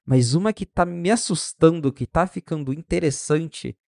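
A man co-hosting a podcast in casual tech chat, animated and chatty, acting out little dialogues with friends. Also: fairly high pitch, moderate pace, gravelly, no echo, clean studio sound. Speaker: podcast co-host.

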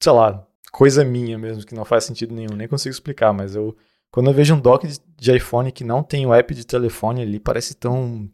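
Brazilian male co-host, mid pitch, easygoing and chuckling. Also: fairly quick. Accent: Brazilian Portuguese. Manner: laughs often, animated when mimicking others. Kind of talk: casual tech chat.

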